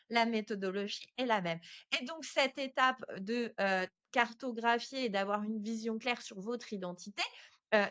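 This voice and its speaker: Speaking straight to her listener, a female podcast host offers casual, chatty advice on her solo show. Her voice is a little high and somewhat bright, and the recording is dry.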